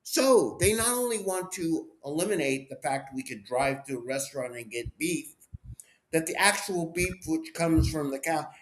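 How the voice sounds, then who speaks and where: A man hosting a political talk show, his voice swinging widely up and down as he rants. He talks in a sarcastic, mocking way. His delivery is animated and full of scorn. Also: on the high side, normal speed.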